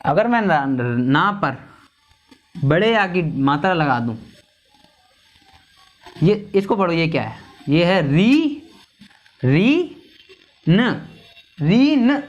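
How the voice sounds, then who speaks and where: A man teaching a lesson on vowel signs, slowly repeating and sounding out each syllable. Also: on the high side, very animated, muffled recording. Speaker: Hindi teacher.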